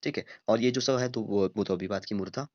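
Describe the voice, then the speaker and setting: Male teacher, low voice, dull recording with no room echo, filler-heavy board explanation. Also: a little fast. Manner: many fillers and repeated "ठीक है" checks. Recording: dull lo-fi dry sound.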